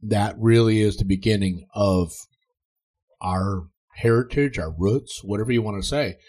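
A man's voice: fairly low pitch, measured pace, a little mellow, husky, poor audio. An older man, a guest on a hunting trip, talking in a casual, dry, teasing and reflective way. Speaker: guest hunter. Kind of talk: casual chat.

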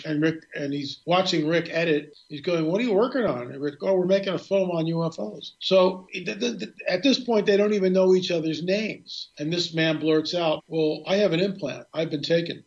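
A man's voice: fairly high pitch, lo-fi sound. A man, a guest filmmaker, telling a long story in casual radio talk, rambling and restarting often.

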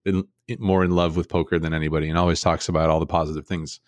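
Young male podcast co-host, very low voice, loose and rambling, dry close mic. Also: flat delivery, quick pace, no echo. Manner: rambling, many fillers and restarts. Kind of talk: casual podcast chat.

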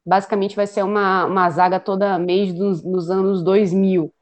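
Female sports podcast host, conversational and slightly halting. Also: medium pitch, level tone. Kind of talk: conversational sports match recap.

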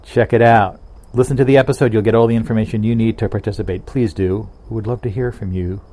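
A man's voice: lowish voice, fairly even intonation, fast, warm tone. A man hosting a podcast solo in a casual, rambling style, with emphatic bursts and trailing asides. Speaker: host of a radio-style podcast.

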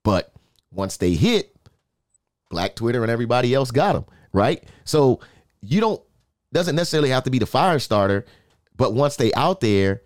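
A man's voice: medium pitch, very animated, moderate pace, pauses often, dry recording, studio quality. A man co-hosting a sports talk show, speaking emphatically and often checking in with "right?". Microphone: in-ear monitor, studio.

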